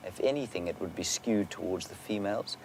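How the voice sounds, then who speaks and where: A man working as a safari guide, giving unscripted live wildlife commentary and answering viewer questions, sometimes hushed toward a near-whisper. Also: deep voice, brisk, low-quality recording. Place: outdoors in an open safari vehicle. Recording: outdoor vehicle and bush ambience noise.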